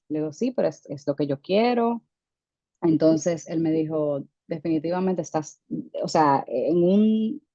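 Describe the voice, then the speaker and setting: A woman in her thirties, a dentist raised in the United States by Dominican parents, tells her story as a guest in a conversational interview. Her lowish, mellow voice is recorded dry with the highs cut off. She speaks hesitantly, with lots of fillers and restarts.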